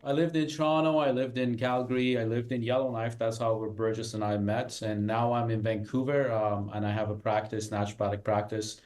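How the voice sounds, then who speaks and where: Flat-voiced man, hesitant guest. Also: medium pitch, a little fast, few pauses. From Iran. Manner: hesitant, many fillers. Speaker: guest, naturopathic doctor. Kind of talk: casual interview talk.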